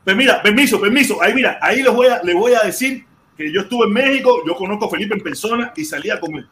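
A Cuban man with a high voice who hosts a live stream and steps in to calm the quarrel, pleading for peace. Steady noise sits under his voice. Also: quick pace. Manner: calming, mediating, pleading.

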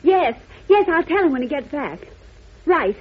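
A woman playing a brisk, insistent newspaper reporter in a 1940s radio drama, urgent and assertive. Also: high voice, big pitch swings, soft background music. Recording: thin, phone-like old radio recording.

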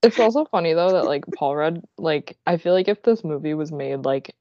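Woman, twenties, very deep voice, dry close sound, casual podcast chat, swears casually. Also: expressive, fairly quick, dark tone, dry recording, muffled recording. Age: 20s. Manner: chatty, laughing, swears casually. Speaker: podcast co-host.

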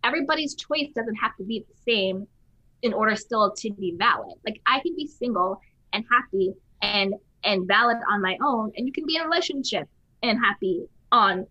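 Bright animated woman podcaster. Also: mid-range voice, normal speed, no echo. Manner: animated, emphatic, acts out quoted voices. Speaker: podcast host. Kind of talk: casual conversation. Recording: slightly dull lo-fi sound.

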